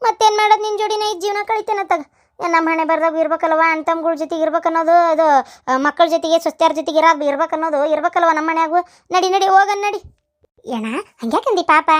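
Woman voicing a shrill grumbling old village woman. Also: steady tone, fast. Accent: North Karnataka Kannada. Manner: scolding, complaining.

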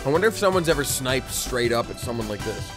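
A man's voice: medium pitch, lively intonation, quick pace. A man in his twenties giving joking, playful gaming commentary with friends into a close microphone. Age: 20s. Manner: playful, bantering, mock-announcer quips. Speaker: gamer in a group challenge video. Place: indoor office gaming room. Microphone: close boom-arm microphone, headset on. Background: music.

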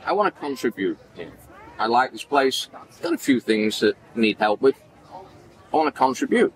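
Animated Manchester man telling stories. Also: medium pitch, normal speed, low-quality recording. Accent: Manchester English. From Manchester, England. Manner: animated, acts out quoted dialogue, gestures widely. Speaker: podcast guest. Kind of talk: casual storytelling interview. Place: indoor event backdrop at a farmers market.

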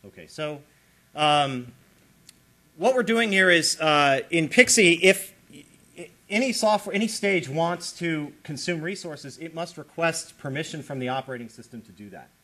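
A man lecturing on computer science, explaining with lively emphasis and checking in with his audience. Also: on the high side, moderate pace. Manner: animated, explanatory, checks in with listeners. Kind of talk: academic lecture.

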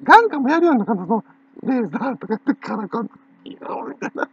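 Kansai lady gossiping and giggling nonstop, gravelly edges, dull lo-fi sound. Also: fairly high pitch, very animated, fast talker. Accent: Kansai Japanese. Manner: giggly, keeps breaking into laughter; gossipy, teasing. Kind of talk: rambling casual monologue. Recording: dull lo-fi recording.

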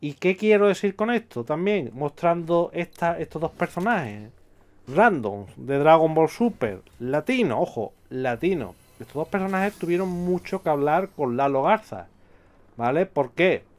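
A man's voice: on the high side, big pitch swings, measured pace. A man hosting a casual commentary video, talking emphatically and throwing out rhetorical questions. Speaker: youtuber host.

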